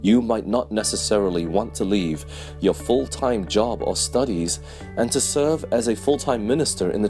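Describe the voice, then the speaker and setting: A man giving measured, scripted promotional narration that slows down for quotes. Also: on the low side, a little mellow. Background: guitar music.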